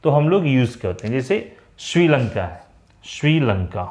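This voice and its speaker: A man with a Hindi accent teaching English grammar in a classroom-style lecture, mixing Hindi and English and slowing down to spell out the English example phrases. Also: medium pitch, sing-song, darkish tone. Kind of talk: classroom lecture for exam students. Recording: echoey room.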